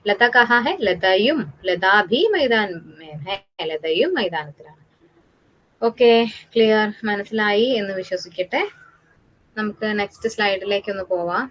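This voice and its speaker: A woman with a Malayali accent teaching a Hindi class, explaining patiently, repeating words slowly and asking the students questions. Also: mid-range voice, dull audio.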